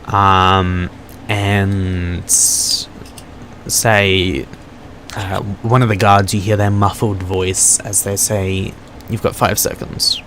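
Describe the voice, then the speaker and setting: Low-voiced man running a tabletop game. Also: flat delivery, extremely slow, noisy background. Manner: describes scenes and calls for dice rolls. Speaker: game master.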